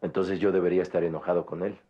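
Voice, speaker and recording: An actor playing a proud, bitter orphaned young man in a 1990s Mexican telenovela, speaking gravely with a Mexican Spanish accent. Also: sits low, level tone, mellow, soft background music. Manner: grave, bitter, measured delivery. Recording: dull lo-fi TV audio, faint score.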